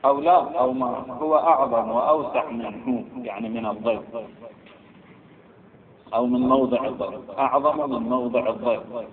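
A man's voice: medium pitch, moderate pace. A man teaching a religious text, reading it out line by line, spelling out letters and vowels and repeating words as he explains. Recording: tinny phone-like line, echoey room.

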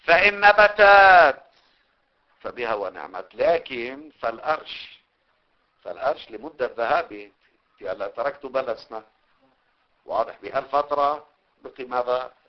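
A man's voice: mid-range voice, lively intonation. A man with a Levantine Arabic accent teaching a religious studies class, dictating notes, drawing out key words and checking that his students follow. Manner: explains slowly, checks understanding, stretches key words. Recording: dull lo-fi recording.

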